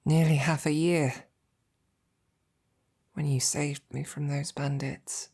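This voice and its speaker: She sits low in pitch with a level tone and an exaggerated voice, playing a devoted, tender, teasing female knight for intimate ASMR roleplay. Her breathy, frequently whispered words come softly, haltingly and with affection, in a gentle, probing mood.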